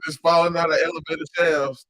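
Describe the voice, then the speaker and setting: A man from Louisiana, co-hosting a casual podcast and explaining things in a slow, laid-back way. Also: on the high side, flat delivery, a bit bright. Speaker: podcast co-host.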